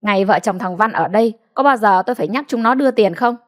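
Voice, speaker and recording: A woman voicing a harsh, sharp-tongued old village mother-in-law who scolds in quick, angry outbursts. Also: medium pitch, natural voice. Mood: scolding.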